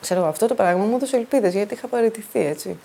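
A woman's voice: mid-range voice, vocal fry, warm tone, breathy edge. A woman giving a plain, earnest first-person account of surviving a flood. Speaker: flood survivor telling her story. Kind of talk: personal testimony.

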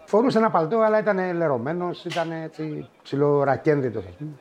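A man's voice: a little high, darkish tone. Wry middle-aged man reminiscing. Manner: unhurried, wry, with many fillers and asides. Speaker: storyteller. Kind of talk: spoken reminiscence.

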